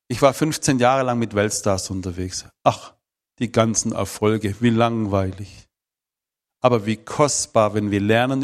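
A man, telling his personal testimony in an emphatic, emotional way. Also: fairly low pitch. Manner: emphatic, emotional storytelling with shifting volume.

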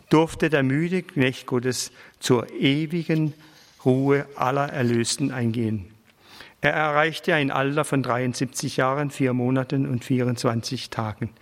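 A man reads a biography aloud in a slow, measured, reverent manner. His voice sits at a middling pitch. A long reverb lingers after each phrase, as in a large hall. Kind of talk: solemn reading of a biography aloud.

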